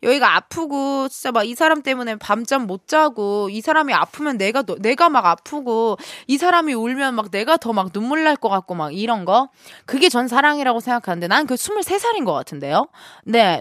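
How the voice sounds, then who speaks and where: A bubbly woman radio DJ chats and reads listener stories into a studio microphone. Her fairly high voice swoops up and down as she talks. The sound is close and dry, with no room around it. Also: fairly bright tone, dry recording. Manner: bubbly, playful, quick shifts of tone. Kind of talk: radio show talk, reading listener stories.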